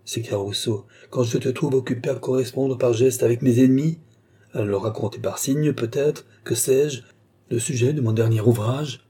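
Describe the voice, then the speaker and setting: A man's voice: mid-range voice, moderate pace, mellow, breathy edge, lightly acted. A man voicing a suspicious, touchy older male philosopher in an audiobook, hurling accusations and lamenting his betrayals. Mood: indignant. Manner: accusing, self-pitying outbursts.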